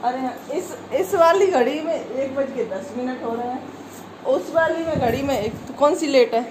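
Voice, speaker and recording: A woman's voice: high-pitched, normal speed. A middle-aged woman from Uttar Pradesh, India, filming a casual daily vlog on a handheld phone. She is chatty, laughs often, and talks to her family and her pet. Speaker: vlogger. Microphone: handheld phone camera. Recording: roomy phone audio with background noise.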